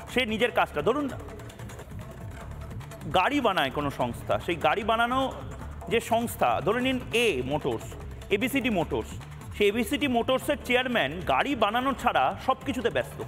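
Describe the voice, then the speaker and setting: A man's voice: high voice, big pitch swings, moderate pace, long pauses, fairly bright tone, faint music behind. News anchor guy, presses and cuts in, echoey studio. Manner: pressing, interjecting. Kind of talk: debate moderation.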